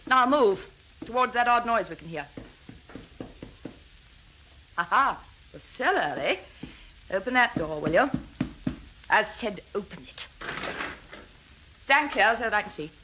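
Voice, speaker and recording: An actress playing a cool-headed, plucky woman sleuth in a radio thriller, brisk, wry and commanding. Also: medium pitch, animated, background noise, lightly acted. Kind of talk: scripted radio thriller acting.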